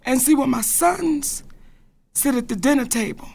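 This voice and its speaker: On a panel, a wife speaks passionately and bluntly to an audience about standing by her husband, bold, emphatic, and profane. Her voice is high-pitched, creaky, a little mellow, and breathy, at a moderate pace.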